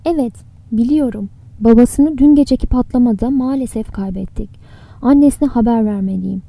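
A woman's voice: a little high, moderate pace, vocal fry, warm tone, no echo. A woman reading a distraught young man. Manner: urgent, breathless worry. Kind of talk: audiobook character reading.

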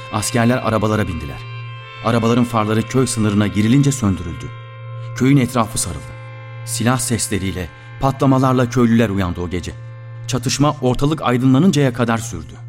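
A man narrating a written story with an expressive storytelling delivery. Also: medium pitch. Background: faint instrumental music.

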